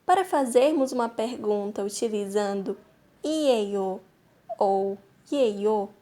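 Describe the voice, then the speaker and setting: A young adult woman narrating a language lesson, speaking clearly and deliberately and repeating each example slowly. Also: a little high, warm tone. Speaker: Korean language teacher.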